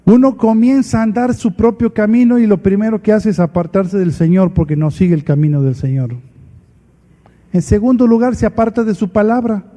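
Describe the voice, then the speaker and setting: A man preaches a sermon at a conference retreat. His voice sits high for a man and sounds mellow rather than bright. He acts out the dialogue in his examples emphatically, and the sound trails off in the long reverb of a large hall.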